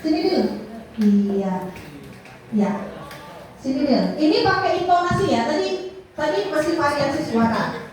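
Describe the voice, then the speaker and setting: Woman teaching public speaking to a class, high voice, big echoey room, mic far off. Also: unhurried, long pauses, a crowd in the background. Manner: lively, coaxing, asks class questions. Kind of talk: classroom workshop talk. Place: school classroom or hall.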